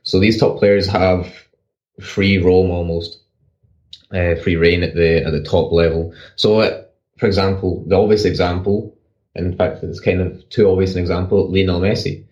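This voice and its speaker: A man co-hosting a podcast, explaining football tactics in rapid bursts with frequent restarts. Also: sits low, fairly even intonation, darkish tone, lo-fi sound. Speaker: podcast co-host, football analyst. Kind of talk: casual analytical chat.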